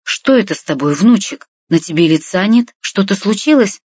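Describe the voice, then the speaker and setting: Woman putting on shrill nagging old granny, raised pitch, husky edge, dull dry recording. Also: animated, moderate pace, a little mellow, no room sound. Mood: fussing. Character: fussy elderly grandmother, nosy and scolding.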